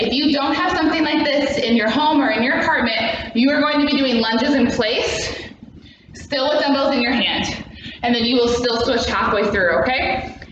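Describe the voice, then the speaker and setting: A woman leading a workout as an aerobics instructor, demonstrating exercises and counting down in short, encouraging cues. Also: sits high. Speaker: fitness class instructor. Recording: echoey room, distant mic, muffled, noisy.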